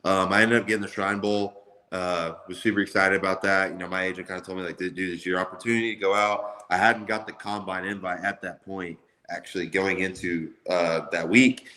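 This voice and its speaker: A man's voice: low-pitched, steady tone, fairly quick, pushed and bright. A man in his twenties chatting casually in an interview as a college football player, with a loose, slangy way of talking. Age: 20s. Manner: loose, slangy, repeats "like" often.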